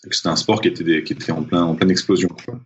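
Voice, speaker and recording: This deep, husky voice belongs to a young Parisian man, a freediving champion who is a guest in a casual interview. His speech hesitates, full of fillers and restarts, repeatedly circling back. Audio quality is dull and lo-fi, resembling a remote call.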